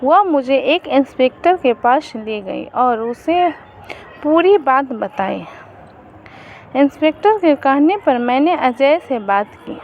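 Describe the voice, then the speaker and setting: A woman narrating a first-person story in an earnest, measured manner. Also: sits high, animated. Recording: muffled lo-fi recording with faint noise.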